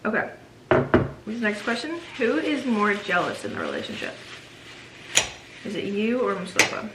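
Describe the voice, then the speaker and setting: Young female vlogger, breezy filler-heavy chat, middle pitch, roomy home recording. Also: wildly swooping pitch, moderate pace. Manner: chatty, says "like" a lot. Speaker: vlogger and host. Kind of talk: casual Q&A chat while eating. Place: home room. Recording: echoey home room with noise.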